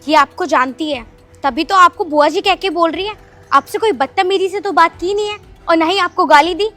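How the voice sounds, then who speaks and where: A woman's voice: extremely high pitch, normal speed, sharp tone, faint music behind. A woman playing a cutting outspoken niece. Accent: Haryanvi. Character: outspoken married niece defending a relative.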